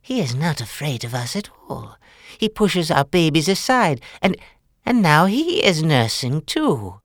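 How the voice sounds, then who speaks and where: A woman voicing a mother wolf who speaks softly and tenderly in a slow, lilting storybook manner. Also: big pitch swings, no echo, clean studio sound, heavily acted. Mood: wondering. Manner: soft and lilting with wide pitch swings.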